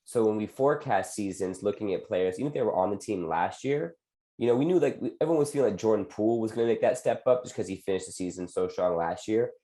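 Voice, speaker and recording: Bay Area man, low and mellow, rambling sports-podcast co-host. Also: fast. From San Francisco Bay Area. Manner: relaxed, rambling, lots of fillers. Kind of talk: casual sports chat.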